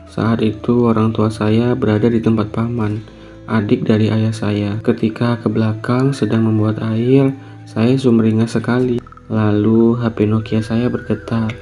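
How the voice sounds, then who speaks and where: Low, flat-voiced male horror storyteller. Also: measured pace, faint music behind. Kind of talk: narrating a true horror story.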